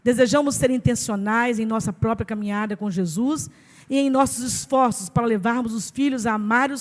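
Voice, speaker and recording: A Brazilian woman pastor preaching a sermon in an emphatic, conversational way, asking rhetorical questions. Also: fairly high pitch. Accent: Brazilian Portuguese. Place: church sanctuary. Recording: reverberant church hall.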